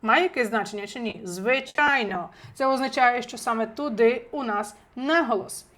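A woman teaching an online language lesson from home, chatty and lively, talking straight to her viewers, a little under the weather. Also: on the high side, a little fast. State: recovering from illness, clears throat. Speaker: Italian teacher. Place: home, indoors.

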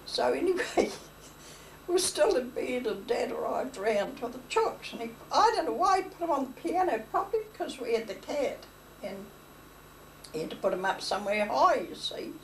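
A woman's voice: sits high, very animated, moderate pace. An older woman telling family stories in a rambling, chatty way, acting out old conversations. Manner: rambling, chatty, retells dialogue, laughs. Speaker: interviewee. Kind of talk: oral history storytelling. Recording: distant mic with faint hiss.

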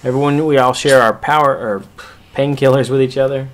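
A man's voice: medium pitch, fairly even intonation, fairly quick, a little hiss or hum. A man giving casual commentary over a recorded match, explaining each move to his squad in an easygoing way. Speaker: host narrating a squad's match.

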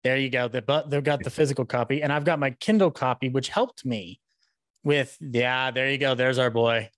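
Speaking into a close desk microphone with a headset, a podcast host in his thirties gives an enthusiastic live introduction and chat with a guest during an online event, rambling effusively. He is indoors at home on a video call. His voice has a medium pitch, steady tone, moderate pace and a fairly bright quality, with no echo.

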